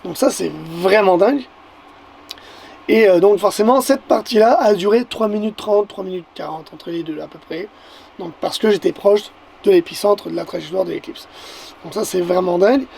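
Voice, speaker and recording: High, gravelly Québécois man, excitable. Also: moderate pace, slight background noise. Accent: Québécois French. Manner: excitable, stammers and repeats words. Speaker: photographer and vlogger. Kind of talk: casual vlog narration to the viewer.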